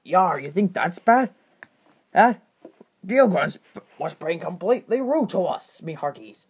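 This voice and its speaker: A woman's voice: fairly low pitch, lively intonation, unhurried, husky, full character voice. A woman voicing a male pirate who uses sailor slang, in a home-made toy story. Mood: indignant. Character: gruff pirate male, jolly sailor talk.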